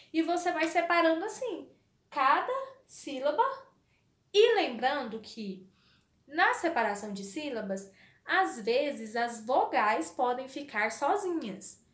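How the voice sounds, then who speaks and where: A woman's voice: sits high, reverberant. A woman teaching a literacy lesson to young children with a Brazilian Portuguese accent, speaking in a sing-song way and answering her own questions. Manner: sing-song, slow and drawn out, asks questions and answers them herself. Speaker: primary school teacher.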